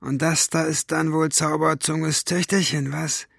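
A man's voice: on the high side, flat delivery, a little slow, vocal fry, fairly bright tone, breathy edge, no room sound, clean studio sound, voice pushed up, heavily acted. Man doing a sneering armed henchman. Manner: sneering, commanding. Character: menacing male henchman with a shotgun.

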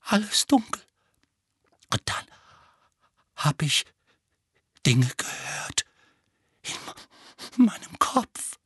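A man voicing a frightened teenage boy who murmurs hoarsely and haltingly in an audiobook reading. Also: very high voice, pushed and bright, no room sound, studio quality, pitched above the performer's own voice, heavily acted.

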